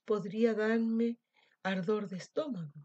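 A woman's voice: unhurried, no room sound, highs cut off, lightly acted. A woman voicing a hungry old male wolf in a storybook read-aloud, exclaiming and pleading in a raised voice. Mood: tender. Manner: exclaiming, pleading, louder and higher. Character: old hungry male wolf, grumbling but soft-hearted.

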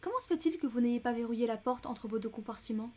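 Woman reader voicing a soothing, polite male detective, mellow tone. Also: on the high side, fast talker, close to an everyday voice. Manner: soothing and courteous. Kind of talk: audiobook character reading.

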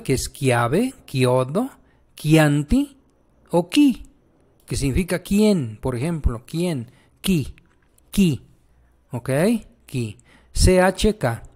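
Male teacher, slightly high-pitched, unhurried, repeats sounds patiently for learners. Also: a little mellow. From Mexico. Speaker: language teacher. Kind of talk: online pronunciation lesson.

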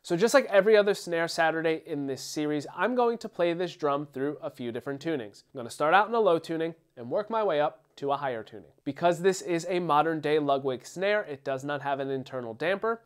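A man's voice: fairly high pitch, clear, resonant tone. A man with a Philadelphia accent hosting a channel, explaining gear details in an upbeat, casual way. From Philadelphia, USA. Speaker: drum channel host. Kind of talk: casual product demo talk.

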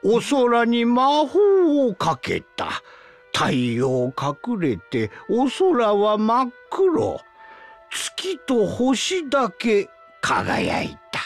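An actor playing a sleepy, cranky, hard-of-hearing old village elder in a video game, talking in an old-fashioned, drawn-out way like an old prospector. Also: male voice, very high voice, huge pitch swings, creaky, soft background music, exaggerated voice. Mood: solemn reciting. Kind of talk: video game character acting.

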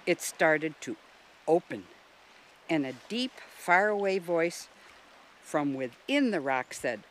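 A woman volunteer reading a children's storybook aloud in a gentle, expressive way. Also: low-pitched, slow pace, slight background noise, poor audio. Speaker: volunteer narrator.

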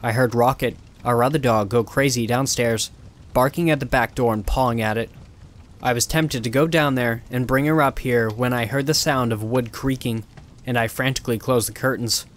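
A man reading a first-person horror story in a steady, measured way. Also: medium pitch.

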